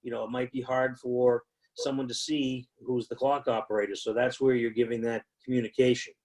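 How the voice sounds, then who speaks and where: A man's voice: medium pitch, little pitch movement, a little fast, darkish tone, poor audio. A man teaching new football officials in a conversational way, with frequent fillers and repeated emphasis. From United States. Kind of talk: instructional talk.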